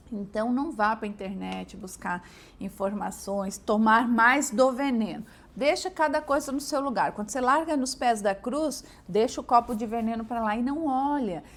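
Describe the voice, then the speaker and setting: Animated Brazilian woman preaching. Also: a little high, a little hiss or hum. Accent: Brazilian Portuguese. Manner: animated, acts out shouted family quarrels; intimate, gently pleading. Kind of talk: devotional talk. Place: at home.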